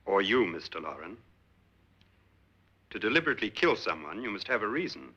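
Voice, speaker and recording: Stern, very sharp-voiced doctor. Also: male voice, fairly low pitch, very animated, heavily acted. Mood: accusing. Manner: deliberate, interrogating. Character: stern, accusing male doctor, coolly logical. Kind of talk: vintage suspense film acting. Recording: dull old film soundtrack.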